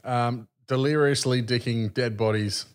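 A man's voice: medium pitch, fairly even intonation, a little slow, clean tone. An Australian man in his thirties chatting casually as a podcast co-host, crude and slangy, swearing freely in comic banter.

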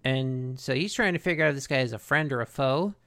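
Mid-pitched man casually recapping as co-host. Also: fast, sharp tone. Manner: conversational, story-telling with paraphrased dialogue. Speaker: podcast co-host. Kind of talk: casual recap of a cartoon episode.

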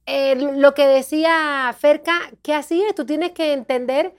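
A woman, a podcast guest recounting reality show moments with lively, dramatic storytelling that often grows loud. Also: sits high, unhurried. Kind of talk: animated storytelling chat.

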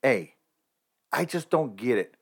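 A man's voice: medium pitch, very animated, slow, slightly rough. Impassioned man ranting on his podcast. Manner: passionate ranting, emphatic. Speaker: podcast host. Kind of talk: opinionated podcast commentary.

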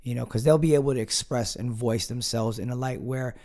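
A man's voice: medium pitch, brisk, warm tone. A young man in casual conversation as a podcast guest, talking earnestly with lots of fillers and restarts. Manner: rambling, filler-heavy, earnest.

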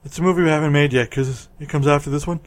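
Caller on speakerphone, a man putting it on: breezy pitchman, slightly far off, a little high. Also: steady tone, very fast. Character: man phoning in on speakerphone from a hospital. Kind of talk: comedic podcast bit.

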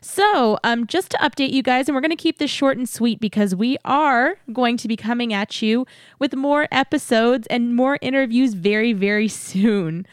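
A woman's voice: fairly high pitch, moderate pace, no room sound, clean studio sound. A woman hosting a podcast, giving listeners a chatty update in a cheery, enthusiastic way. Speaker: podcast host. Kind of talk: upbeat podcast announcement, chatty.

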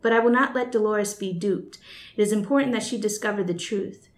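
A woman's voice: medium pitch, a little fast. A woman reading her own first-person fiction aloud in a wry, blunt, conversational way. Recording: echoey room.

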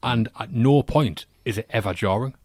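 A man's voice: medium pitch, normal speed, background noise. A British man delivering confident, opinionated film verdicts in casual podcast chat.

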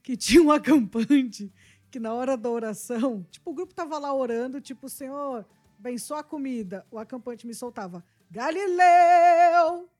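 A woman's voice: fairly high pitch, brisk, warm tone. A woman telling a chatty story in a casual group conversation. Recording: faint music in the background.

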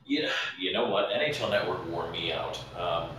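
A man's voice: deep voice, moderate pace, fairly bright tone. A man calling in as a hockey analyst from a room on a road trip, his voice echoing around the room, easygoing and wry. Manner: easygoing, wry, self-deprecating. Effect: echoey room sound. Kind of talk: casual remote call-in chat. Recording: echoey room, faint background noise.

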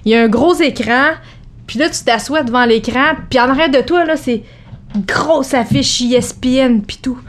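A woman with a Québécois accent, a boxer guest telling lively anecdotes in a casual chat. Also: sits high, normal speed. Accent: Québécois French. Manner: animated anecdote teller, acts out quotes.

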